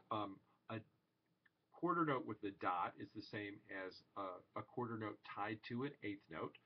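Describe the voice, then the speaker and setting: A man's voice: mid-range voice, highs cut off, slight background noise. A man teaching a music theory lesson, patiently explaining beats and chanting rhythm syllables aloud.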